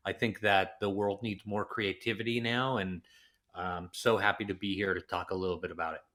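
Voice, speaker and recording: A man from Los Angeles, a podcast guest, telling animated anecdotes and jumping into acted-out quotes. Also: sits low, brisk. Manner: lively storyteller who acts out quotes. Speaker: interview guest. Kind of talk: podcast interview.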